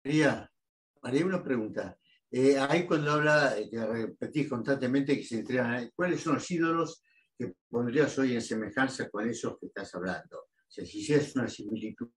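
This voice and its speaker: A man's voice: medium pitch, a little fast. Man asking casual questions. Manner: joking, asks informal questions. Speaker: Bible study participant.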